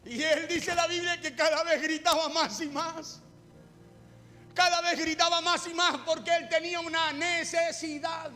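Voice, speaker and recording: A man's voice: very high voice, pushed and bright, long reverb tail. A man preaching a fervent sermon in a church, repeating phrases and calling on his listeners to hear him.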